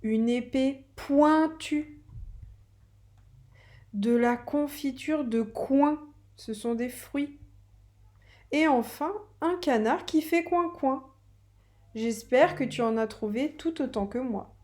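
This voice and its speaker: Slow, patient woman teaching reading. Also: a little high, dark tone. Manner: slow, patient, spelling out sounds for a child. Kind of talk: reading lesson for young children.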